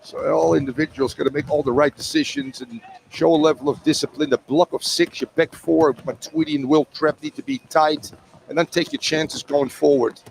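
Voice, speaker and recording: Man, color commentator, gravelly voice, slightly high, faint noise. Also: moderate pace, rough recording. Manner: opinionated, blunt, joking. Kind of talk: analytical match commentary.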